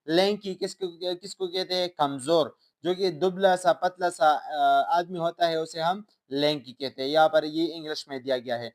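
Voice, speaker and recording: Slow, deliberate man teaching English. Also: fairly high pitch, steady tone. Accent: Pakistani. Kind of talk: lecture explaining English in Urdu.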